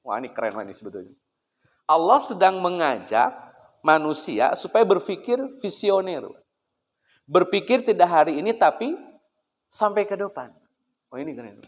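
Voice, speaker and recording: A man's voice: sits high, big pitch swings, moderate pace, long pauses. A man giving a conversational religious lecture in a prayer room, asking rhetorical questions and often addressing his listeners directly. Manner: chatty, poses rhetorical questions, keeps addressing listeners as sir. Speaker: Islamic preacher. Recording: echoey hall, dull lo-fi sound.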